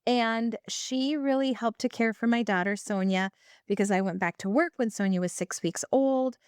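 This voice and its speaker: A middle-aged woman hosts a casual podcast interview, her voice fairly high and smooth. She asks questions and follows along with quick reactions, recorded close and dry. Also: dry recording. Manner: warm, prompting questions, brief reactions. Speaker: podcast host.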